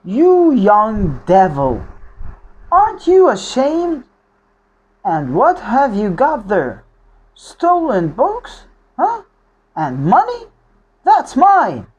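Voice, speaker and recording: An Egyptian teacher voicing a menacing male thief who scolds a boy in sharp, high, shouted bursts. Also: huge pitch swings, drawn-out words, pauses often, slightly rough, dull audio, full character voice. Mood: angry.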